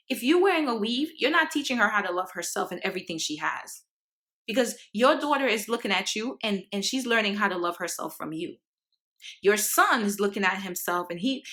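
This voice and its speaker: With a mid-range, fairly bright voice, a woman from Haiti delivers an earnest, casual monologue to her camera. Her lecturing style is peppered with fillers and restarts.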